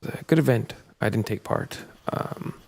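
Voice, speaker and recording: Low gravelly man commentating snooker. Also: normal speed, slight background noise. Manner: hesitant, filler-heavy, soft-spoken. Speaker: guest commentator.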